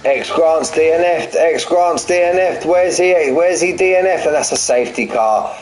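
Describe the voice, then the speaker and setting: Slight background noise accompanies this fairly high-pitched, slightly mellow male voice moving at a moderate pace. He's a sim racing streamer in his forties, mixing live race commentary with jokey banter aimed at his viewers and repeating phrases as he goes.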